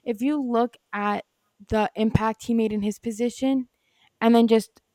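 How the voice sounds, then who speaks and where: A young woman co-hosting a podcast, talking sports in a chatty, animated way with lots of fillers. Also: fairly high pitch, measured pace, dry recording. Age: young adult. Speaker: podcast co-host. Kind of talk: casual sports chat. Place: home with dogs.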